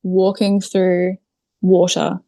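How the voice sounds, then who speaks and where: Speaking slowly and in a monotone, this New Zealand woman has a lowish, creaky voice with a warm tone, captured in a dry recording. She's a video creator guesting on a podcast, chatting casually in interview style. Her speech is full of "like" and "literally."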